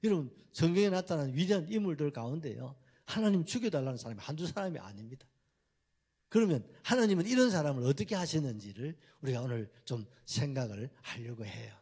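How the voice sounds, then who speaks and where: A man preaching a sermon with a Gyeongsang accent, telling the story in animated, colloquial fashion and often clearing his throat. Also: on the high side, fairly quick. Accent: Gyeongsang Korean. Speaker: pastor.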